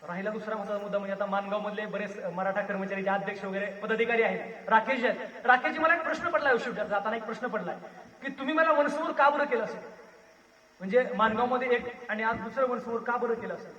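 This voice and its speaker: A man from Maharashtra giving a rousing public lecture on history, a storytelling orator with a booming delivery. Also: fast, pushed and bright, lo-fi sound. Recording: echoey hall, voice far from mic.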